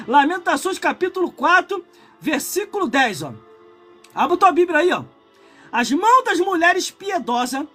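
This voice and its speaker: Fervent, high-voiced Brazilian preacher in his forties. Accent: Brazilian Portuguese. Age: 40s. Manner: impassioned preaching that swells into shouts, broken by chatty asides to viewers. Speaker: pastor. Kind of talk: live-streamed sermon.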